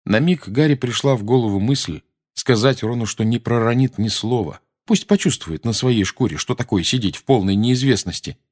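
A man's voice: mid-range voice, normal speed, darkish tone. A man narrating an audiobook expressively, giving each character a voice. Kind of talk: audiobook reading.

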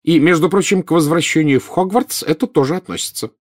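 A man's voice: mid-range voice, animated, fast talker, a little mellow, no echo, clean studio sound, natural voice. A man voicing a stern, anxious wizard mother who scolds her son. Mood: scolding. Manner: scolding, clipped.

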